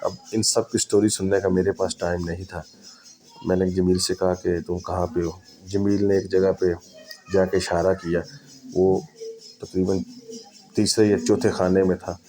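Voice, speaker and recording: A man telling a first-person spooky story in a dramatic, unhurried way, repeating phrases for effect. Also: sits low, flat delivery, dark tone, soft background music.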